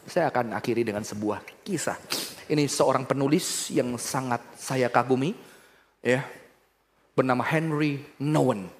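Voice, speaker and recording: A man preaching a sermon, swinging between soft low passages and loud, high emphatic bursts, and addressing the congregation directly. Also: unhurried, in a large hall, a little hiss or hum. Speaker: pastor.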